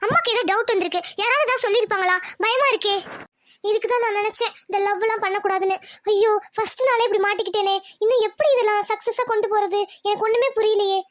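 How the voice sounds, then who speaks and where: This is a nervous young cartoon daughter keeping a secret romance, voiced by a woman. She pleads and dodges, stammering often. The voice is very high and bright. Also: quick pace. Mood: fretful.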